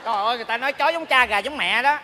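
A man's voice: very high-pitched, racing, a crowd in the background, background noise. A man, joking and meddling in a stage comedy sketch. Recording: reverberant theater stage.

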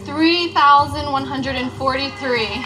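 A woman contestant on a game show with a very high voice. She answers slowly and off the cuff over loud show music. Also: low-quality recording. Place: large TV studio.

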